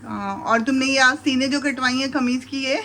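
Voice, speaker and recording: In this casual cooking vlog, a middle-aged mother who vlogs makes breakfast in her home kitchen, chatting with viewers and fondly addressing her sons, recorded handheld. Her high voice is pushed and bright, with a steady tone, moderate pace, and a little hiss or hum.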